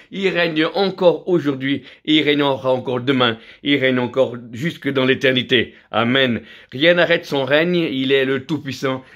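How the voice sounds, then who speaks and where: Middle-aged guy preaching hard, repeats himself a lot, keeps saying alleluia, mid pitch. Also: a bit bright. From Vietnam. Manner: fervent, repetitive preaching with frequent alleluias. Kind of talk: sermon.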